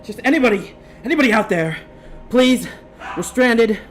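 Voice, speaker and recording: A man's voice: very high-pitched, expressive, normal speed, a bit bright, soft background music, voice pushed up. A man playing a panicked, stranded space expedition member in a tabletop game, pleading frantically in a raised voice. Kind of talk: tabletop game role-play.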